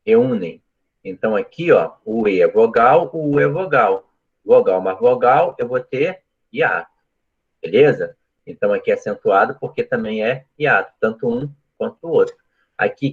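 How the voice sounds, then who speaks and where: Over phone-quality audio, a man with a husky, medium-pitched voice runs a live online Portuguese grammar class. He explains step by step and keeps asking questions to make sure students are following.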